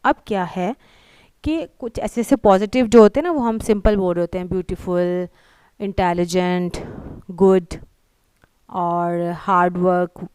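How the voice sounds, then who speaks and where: A woman's voice: on the low side, a little slow, a little mellow, clean tone, no room sound. A woman teaching English grammar in Hindi-Urdu, patiently repeating example words and checking that students follow. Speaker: English tutor.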